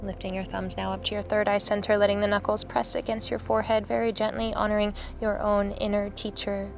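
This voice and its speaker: A young woman teaching yoga outdoors and guiding a meditation in a calm, soothing, slow manner. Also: medium pitch, gravelly, faint music behind. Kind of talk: guided yoga and meditation instruction. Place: outdoors in a cemetery.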